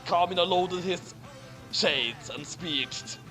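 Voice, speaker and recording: Reading a fan story aloud with friends for laughs, this host takes it slowly in a high, pushed, bright voice and hams it up theatrically. The recording is low quality, with background music underneath.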